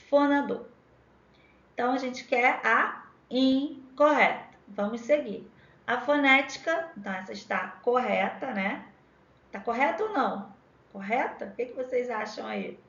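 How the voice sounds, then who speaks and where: A woman teacher with a Rio de Janeiro accent, giving an exam-prep lesson and spelling out words sound by sound with drawn-out syllables. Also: a little high, gravelly, a bit bright. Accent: Rio de Janeiro Portuguese. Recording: echoey lo-fi room.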